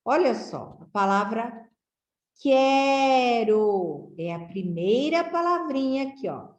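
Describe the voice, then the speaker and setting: A woman teaching children to read, sounding out letters and syllables slowly and checking in with "né?" and "certo?". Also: on the high side, very animated, echoey room. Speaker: literacy teacher. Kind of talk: slow, syllable-by-syllable reading lesson for children.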